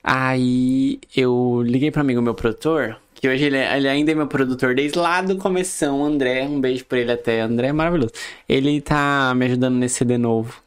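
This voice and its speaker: A man talking as a podcast guest singer, telling stories in an animated, exclamatory way in casual chat. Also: medium pitch, a little fast, clean tone.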